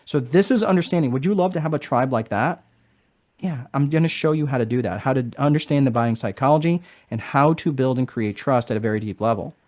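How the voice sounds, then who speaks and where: A man's voice: mid-range voice, brisk, a little mellow. A man hosting a live online course session in a casual, chatty way, often tagging sentences with "right?". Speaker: marketing strategist presenting a course.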